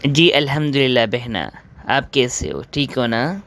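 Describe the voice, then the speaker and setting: Brief: male actor as irritated young man, mid-pitched, dismissive and exasperated. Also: expressive, a bit bright. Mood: annoyed. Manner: impatient, exasperated. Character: impatient young man, dismissive, busy with work. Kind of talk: comedy skit acting.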